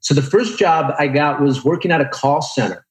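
A man's voice: a little high, moderate pace. A man in his forties speaking as an interview guest, telling motivational personal stories in an earnest, emphatic, instructive way. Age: 40s. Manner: earnest, emphatic, instructive, with rhetorical check-ins. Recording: roomy, echoing sound.

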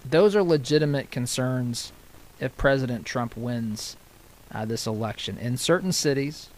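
Slight background noise and low recording quality surround a mid-range, darkish male voice. An American radio host, he gives unscripted commentary on election night live, speaking haltingly, repeating phrases and pausing to read figures.

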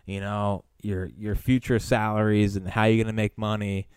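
A man's voice: lowish voice, flat delivery, moderate pace, a little mellow, clean tone, no echo. Man, podcast co-host, playful needler; resonant voice, dry sound. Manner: teasing, playful. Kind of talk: casual sports podcast chat.

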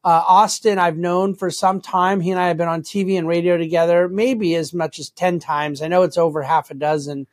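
A man hosting an unscripted financial commentary, conversational, with deliberately stressed phrases. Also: high-pitched, steady tone. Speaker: host and market commentator.

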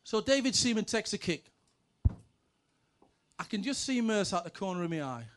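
Brash high-voiced sweary storyteller man. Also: big pitch swings, normal speed, fairly bright tone, a little hiss or hum. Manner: brash, punchy, sweary punchlines. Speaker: former footballer telling stories. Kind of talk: comic anecdotes, stand-up storytelling.

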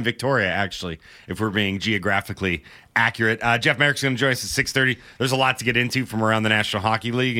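Bright-voiced man hosting morning sports radio. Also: mid-range voice. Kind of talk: radio show hosting, reading sponsors and rundown. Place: radio studio.

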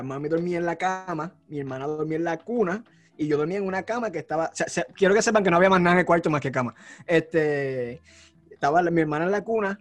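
A man telling a personal story in a casual podcast chat, animated and acting out the moments. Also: fairly high pitch. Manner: animated storyteller, acts out shouts. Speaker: podcast co-host.

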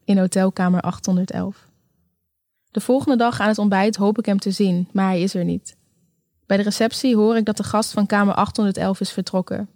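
A woman narrating a first-person erotic story slowly and sensually, in an intimate, close tone. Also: medium pitch, fairly even intonation, darkish tone, no room sound. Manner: slow, sensual, intimate delivery.

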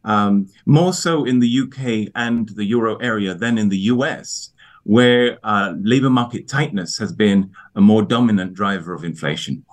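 A man answering broadcast interview questions on economics as an expert guest, in a halting, hesitant manner with repeated words. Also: lowish voice. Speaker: economist guest, IMF research division head.

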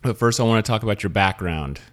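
A man's voice: lowish voice, fast talker, a bit bright. A man hosting an interview, presenting and asking questions in a conversational style. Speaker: interview host.

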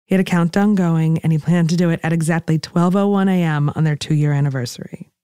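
A podcast host narrating a scripted story in a calm, measured way. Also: mid-range voice, clear, resonant tone, no echo, studio quality.

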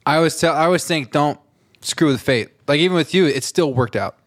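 A man's voice: a little high, fairly quick, no room sound. Male podcast host, easygoing rambler, swears freely, close and dry. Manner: rambling, loose, swears casually. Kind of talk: casual chat.

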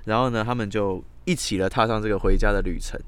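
Low-voiced man co-hosting a chat podcast. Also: steady tone, quick pace, smooth. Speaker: podcast co-host. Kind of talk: casual chat.

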